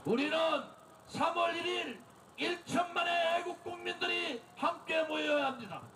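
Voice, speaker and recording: A man delivering an impassioned, declamatory political rally speech as the leader, exhorting listeners and shouting slogans. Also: very high voice, normal speed. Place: outdoor street rally in front of a building. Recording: outdoor PA, echoing, distant, noisy crowd.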